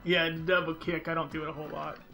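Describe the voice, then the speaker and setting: Over music, a man with a fairly high, creaky voice streams a video game, speaking quickly in a level tone. He chats casually with viewers live, thinking aloud in a rambling, unsure way.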